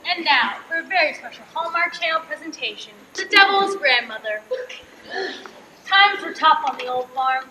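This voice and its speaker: A woman's voice: sits high, animated, moderate pace, pushed and bright, exaggerated voice. A woman playing an earnest, syrupy TV-movie narrator, giving mock-sentimental narration in a dramatic way. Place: theatre stage. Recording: roomy stage, faint noise.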